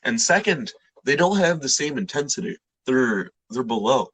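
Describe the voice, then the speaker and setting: Husky-voiced young man, excitable banter. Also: mid-range voice, normal speed, low-quality recording. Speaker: podcast co-host. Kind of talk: casual chat.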